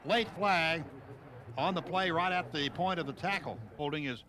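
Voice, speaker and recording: A man calls a football game live on the radio, giving clipped bursts of running play-by-play over a noisy outdoor stadium and getting excitable on big plays. His voice is a little high, at normal speed.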